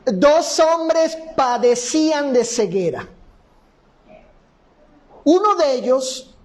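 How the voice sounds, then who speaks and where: A man's voice: very high-pitched, low-quality recording. A man teaching a Bible lesson, reading scripture and then explaining it point by point to his listeners. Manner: addresses listeners as brothers.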